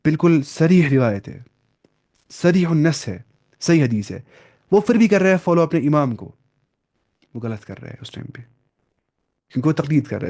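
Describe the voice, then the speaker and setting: A man's voice: on the high side, a little mellow. Man teaching casually. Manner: conversational, repeats key terms, mixes English phrases. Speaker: religious studies teacher. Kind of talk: informal classroom lecture.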